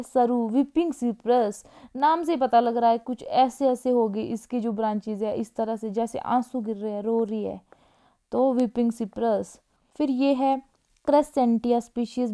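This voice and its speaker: A woman teaching an exam-prep lecture in a casual way, often checking in with her class and reading plant names slowly. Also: on the high side, mellow. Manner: casual, repeats "ठीक है", reads Latin names slowly.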